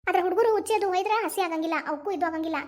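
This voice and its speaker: A woman playing a caring cartoon mother, North Karnataka accent, very high voice, advising tone. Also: rapid-fire. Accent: North Karnataka Kannada. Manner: chatty, advising. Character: caring middle-aged mother, fussing over baby. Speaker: grandmother of newborn. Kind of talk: animated cartoon family drama dialogue.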